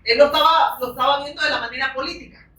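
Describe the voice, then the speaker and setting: A woman's voice: sits high, fast talker, bright, forceful tone. Fervent woman preacher in echoey church. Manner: fervent, frequent rhetorical questions and amens. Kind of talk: sermon. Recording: echoey room, distant from the mic.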